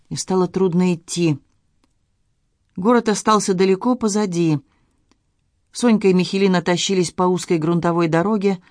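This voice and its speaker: A woman narrating an audiobook in a measured, expressive literary reading style, recorded in a studio. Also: fairly low pitch, no echo.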